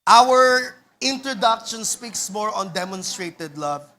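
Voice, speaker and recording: Bright-voiced Filipino pastor preaching. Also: male voice, high-pitched, animated, takes it slowly. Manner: call-and-response, Taglish preaching. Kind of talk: sermon.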